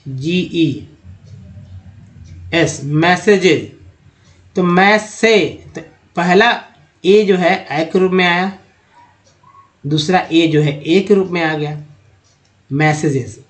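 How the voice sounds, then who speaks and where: A man giving a slide-based reading lesson, spelling words letter by letter, then sounding them out slowly and talking to viewers as friends. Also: high voice. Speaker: English teacher.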